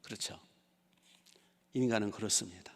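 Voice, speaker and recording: A man's voice: fairly low pitch, normal speed, big-room sound. A man in his sixties, a pastor telling stories in a sermon and asking the congregation rhetorical questions. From Chungcheong region, South Korea. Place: church sanctuary.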